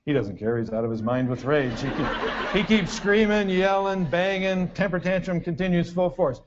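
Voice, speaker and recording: There's background noise behind this older man's high voice as he talks at a normal speed. Leading a parenting workshop, he delivers a humorous lecture with dry stories and crisp, punchy lists, all on a dull lo-fi recording of the talk.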